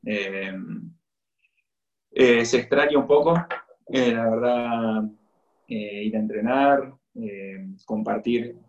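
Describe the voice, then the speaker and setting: A man with a Latin American Spanish accent chatting casually and hesitantly, with pauses. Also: medium pitch, dull audio. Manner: hesitant, pausing. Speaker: athlete guest. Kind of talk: casual conversation.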